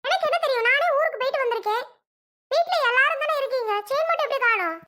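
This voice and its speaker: A woman's voice: extremely high pitch, quick pace. A woman playing a stubborn young wife in a family skit, who insists and accuses. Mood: accusing. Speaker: Soni, a daughter-in-law in a family skit. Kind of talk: family comedy skit acting.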